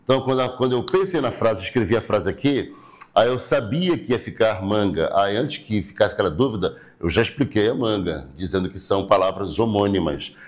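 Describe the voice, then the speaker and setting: A man with a Brazilian accent teaching a Portuguese grammar class, explaining slowly, repeating words and checking in with his students. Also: on the low side, animated. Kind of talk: recorded online class lecture.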